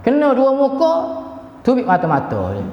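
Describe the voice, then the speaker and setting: A man's voice: extremely high pitch, wildly swooping pitch, moderate pace. A man with a Kelantanese Malay accent teaching a Quran class in a chatty way and chanting short passages to show how they are recited. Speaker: religious teacher. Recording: echoey hall, dull lo-fi sound.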